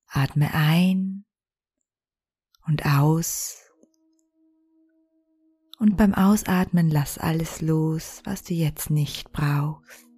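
A woman guides a meditation like a sleep story narrator. Her voice is low and mellow, with a soft creak and breathy phrase endings. She speaks slowly and soothingly over music. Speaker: podcast host and guided meditation leader.

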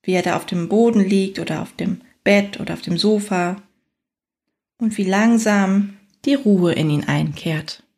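A woman narrating a scripted guided fantasy journey in a soothing, unhurried manner, leaving long pauses between phrases. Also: medium pitch, a little mellow.

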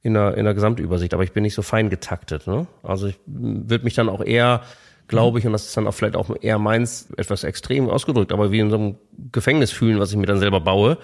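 A man's voice: lowish voice, steady tone, fast talker, creaky. A man hosting a podcast interview who speaks reflectively and hesitantly, with fillers and a frequent questioning "ne?" tag. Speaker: podcast host.

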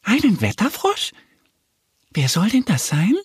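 A man's voice: measured pace, husky, dry recording, clean studio sound, full character voice. A man doing an eager little duck girl. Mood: puzzled. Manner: high, excited squeaky delivery.

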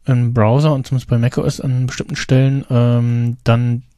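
A man's voice: medium pitch, flat delivery, normal speed, mellow, dry recording. A man co-hosting a podcast in casual chat, rambling with many fillers and restarts. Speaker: podcast co-host.

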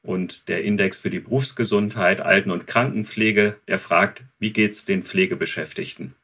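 A man's voice: low-pitched, steady tone, moderate pace, a bit bright, husky. A man who heads research, explaining methods step by step as an interview guest.

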